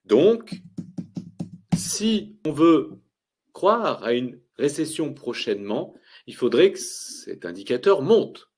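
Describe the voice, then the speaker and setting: A man explaining market indicators to viewers, with lively, emphatic delivery and rhetorical questions. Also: a little high, slow, breathy edge. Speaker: finance educator.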